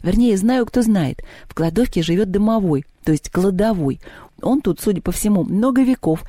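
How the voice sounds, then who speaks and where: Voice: mid-range voice, lively intonation, moderate pace, warm tone, dry recording, studio quality, voice pushed up, lightly acted. A reader voicing an eager young girl.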